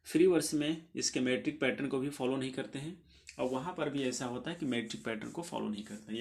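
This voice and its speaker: A man with a medium-pitched voice teaches a literature lesson for exam preparation, slowly reading English definitions and then explaining them. Now and then he clears his throat and corrects himself.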